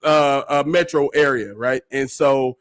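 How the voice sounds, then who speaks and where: A man's voice: medium pitch, unhurried, clean tone. A man, hosting a casual podcast, laid-back and laughing often. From Arkansas, USA. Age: 40s. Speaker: podcast host. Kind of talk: casual chat.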